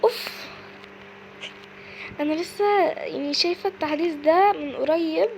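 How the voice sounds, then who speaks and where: A woman with an Egyptian accent giving casual, excitable commentary as she plays a game, often shrieking and exclaiming. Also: very high voice, moderate pace, slight background noise, poor audio. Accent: Egyptian Arabic. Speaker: gaming video creator.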